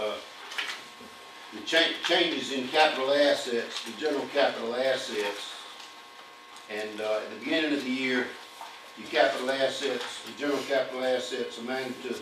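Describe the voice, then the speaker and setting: Standing at the council chamber podium, an older man with a medium-pitched voice presents an audit report, steadily reading long lists of figures punctuated by occasional fillers. The podium mic and distant camera capture echoey room audio with a hum.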